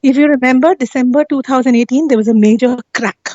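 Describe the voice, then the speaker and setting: A guest on a live talk stream explains something in a high, warm voice, talking fast in a casual but insistent way and often adding tag questions to seek agreement. The dry, somewhat dull audio sounds like a lo-fi call.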